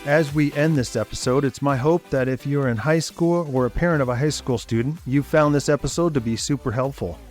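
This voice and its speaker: A man, the podcast host, wrapping up the episode in a friendly, measured way. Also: medium pitch, a little mellow, faint music behind. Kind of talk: scripted show outro.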